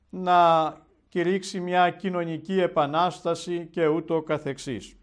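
A man, an Orthodox bishop, preaching a televised Gospel sermon in a measured, solemn storytelling manner. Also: a little high.

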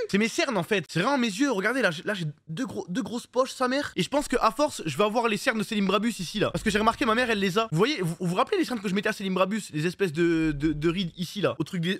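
Young man, high voice, rapid talk, slangy rambling streamer chat, dry close sound. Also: a bit bright, no room sound. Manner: rambling and slangy, with many restarts. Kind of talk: casual live-stream chat.

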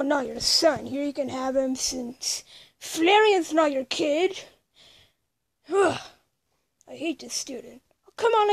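Woman, improvised toy skit, every part herself, quick character switches, unhurried delivery, very high voice. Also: creaky. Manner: switches quickly between characters with playful exclamations. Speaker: toy movie performer voicing every part.

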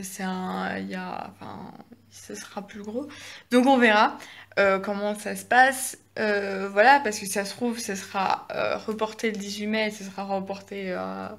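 Rambling teen girl, gravelly edge. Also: a little high, a bit bright. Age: teens. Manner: rambling, full of fillers and hesitations. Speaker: vlogger. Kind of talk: casual chat. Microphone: phone camera.

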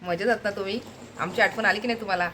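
Fast-chatting woman vlogger from the Konkan. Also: mid-range voice, steady tone, heavy background noise. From Konkan, India. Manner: chatty, rambling, laughs often. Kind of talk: casual home vlog talk.

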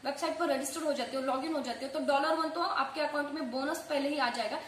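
Talking quickly in a high voice, a woman walks viewers through an online earning tutorial in a casual way, mixing in English phrases. The room is echoey, and faint noise sits in the background.

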